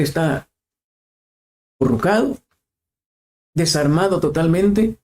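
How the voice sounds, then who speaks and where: A man's voice: a little high, darkish tone. A man preaching a sermon, asking questions and repeating phrases for emphasis.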